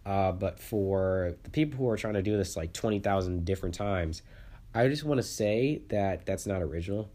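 A man with a low voice hosts a casual solo movie podcast. He sounds congested and sniffly from the flu. His delivery rambles, with stammered restarts and repeated words. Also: normal speed, dark tone.

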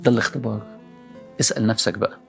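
Brief: Egyptian male preacher, quick delivery, animated rhetorical questions, faint music underneath. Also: on the low side, gravelly. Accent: Egyptian Arabic. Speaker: preacher addressing young people. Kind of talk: motivational religious talk.

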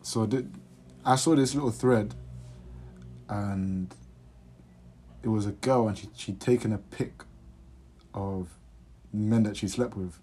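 A young man hosting a casual podcast in a London accent. His voice sits fairly low with a husky grain, and he talks informally in urban roadman slang. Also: slow, pauses often, mellow. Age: young adult. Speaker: podcast host. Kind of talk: casual chat.

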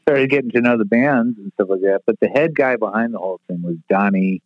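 This retired stage manager in his sixties spins brash, foul-mouthed yarns in a relaxed interview about his stories. He speaks quickly in a lowish register, with no echo, over a dry, tinny line that sounds like a phone.

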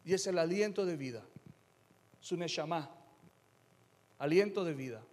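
High-voiced preaching man in a reverberant hall. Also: expressive, unhurried. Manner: emphatic preaching, swings between soft asides and loud declarations. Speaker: pastor. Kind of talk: sermon.

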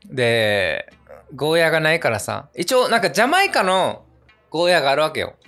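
A man hosting a podcast in London, chatting casually and relaxed with lots of fillers. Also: fairly high pitch, brisk, soft background music. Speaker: host, izakaya owner persona. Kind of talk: casual chat.

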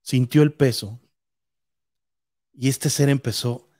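A man's voice: medium pitch, fairly even intonation, takes it slowly, a little mellow. A man with a Mexican accent telling a ghost story in a casual, rambling, suspenseful way.

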